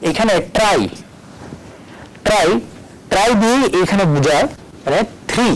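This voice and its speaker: The recording is rough: a high-pitched, expressive man speaking at normal speed teaches at a board, erasing and writing. This teacher from Tripura, India, spells words letter by letter and alternates Bengali with English in his explanations.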